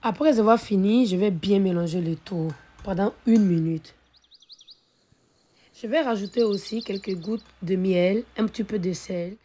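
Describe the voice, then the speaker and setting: A woman hosting a cooking video, calmly narrating each recipe step, her voice a little hoarse from being ill. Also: mid-range voice, unhurried. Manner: calm, methodical, repeats set phrases. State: slightly hoarse from illness. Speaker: cooking channel host.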